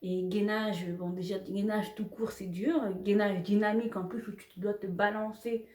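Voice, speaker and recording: Young female vlogger, casual and chatty, quick to laugh and to curse, mid-pitched, recorded at home in a roomy, echoey space. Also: fairly even intonation, darkish tone. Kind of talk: casual vlog chat to camera.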